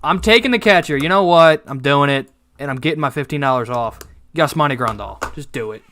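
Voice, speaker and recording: A man's voice: a little high, a little fast, bright, forceful tone, a little hiss or hum. A man hosting a casual sports draft stream, joking and counting down the clock. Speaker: host running a fantasy draft. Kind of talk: casual group chat.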